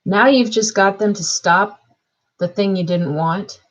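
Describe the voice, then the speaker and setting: A woman's voice: mid-range voice, a little slow, rough recording. A woman astrologer talking through a chart reading in a casual, thinking-aloud way, with fillers and restarts.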